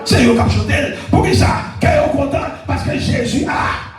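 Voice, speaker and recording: A male evangelist, preaching a fervent sermon and often shouting and calling amen to the congregation. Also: very high voice, normal speed. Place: church hall. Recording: echoey church hall, far mic, music and crowd behind.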